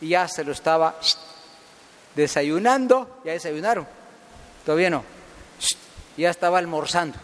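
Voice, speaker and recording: Male preacher, high lively voice, storytelling sermon, long hall reverb. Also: normal speed, long pauses. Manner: animated storyteller hushing listeners, voicing animals.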